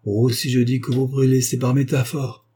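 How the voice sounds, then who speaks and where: A courteous old baron of the gentry, patient and worn down by family quarrels, read by a male narrator. The voice is mellow and softly husky. He talks in a polite, measured way. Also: medium pitch, flat delivery, voice pushed up, close to an everyday voice. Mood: persuading. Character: weary old aristocratic baron.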